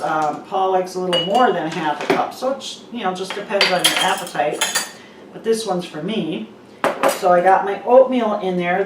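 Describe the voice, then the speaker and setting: Woman cooking host, relaxed and chatty, big kitchen echo, mic set back from her. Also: mid-range voice, background noise. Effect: big echo of a bare kitchen. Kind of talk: casual recipe demonstration. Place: half-packed, empty-sounding home kitchen. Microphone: camera mic from a distance. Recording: echoey room, voice far from the mic.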